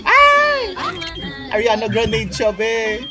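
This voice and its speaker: A woman, a gamer streamer, shrieking and playful in excited casual chatter, mixing English phrases. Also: deep voice, moderate pace, over loud music.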